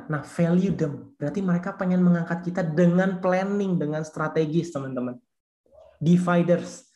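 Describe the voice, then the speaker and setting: A man's voice: a little high, dark tone, reverberant. A man who leads a church youth ministry, teaching a discipleship class in a casual, slangy way and repeating his key points.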